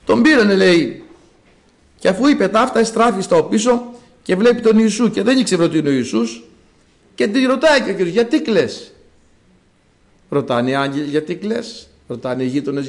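A man preaching a sermon, telling a story and shifting between loud exclamations and soft asides. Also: fairly high pitch, creaky.

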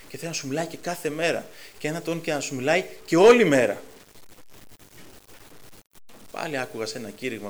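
A man's voice: fairly high pitch, a little hiss or hum. Greek-speaking preacher man, emphatic sermon. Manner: swells to loud emphatic preaching; asks the congregation direct questions.

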